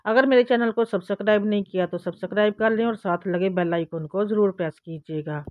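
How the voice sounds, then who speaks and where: A woman's voice: medium pitch, a little fast, no echo, narrow, tinny audio. A woman with a Pakistani Urdu accent hosting a religious channel, explaining a devotional routine step by step and speaking straight to her viewers. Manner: addresses viewers directly, repeats instructions step by step. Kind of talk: instructional religious talk.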